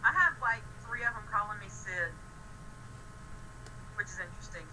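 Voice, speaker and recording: A young woman chatting with a friend over the phone, excitable and animated, swearing often as she tells stories. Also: medium pitch, moderate pace, slight background noise, low-quality recording. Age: young adult. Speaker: friend on a call. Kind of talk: casual chat.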